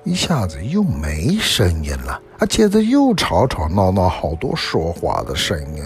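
A man narrating a children's storybook in a gentle, animated storytelling manner. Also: low voice, measured pace, soft background music.

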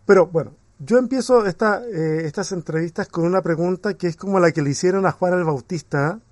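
A man's voice: sits high, fairly quick, darkish tone, dry recording. A man hosting a podcast interview, speaking in an encouraging, reflective way, with light guitar music behind him. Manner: reflective, encouraging, tells a Bible story. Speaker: podcast host.

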